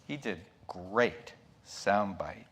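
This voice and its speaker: In a low-sitting voice with animated intonation and drawn-out words, an older or middle-aged man preaches as a layman from a church pulpit. He reflects, stresses his points, raises questions and adds asides, while a clear hum and background noise run under the recording.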